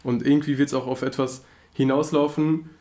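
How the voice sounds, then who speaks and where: A man's voice: medium pitch, level tone, moderate pace, dark tone. Reflective man thinking aloud. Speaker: podcast co-host.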